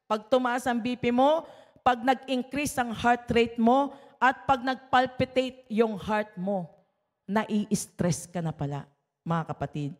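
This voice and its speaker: A woman's voice: a little high, slow, long reverb tail. A woman pastor giving a conversational sermon, listing points and often checking in with the listeners through tag questions.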